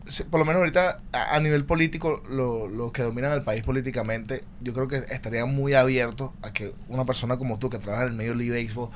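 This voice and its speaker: Fast, emphatic Venezuelan man hosting. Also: medium pitch, fairly even intonation, a little hiss or hum. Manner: emphatic, repeats his points. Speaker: podcast host. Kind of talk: casual sports podcast chat.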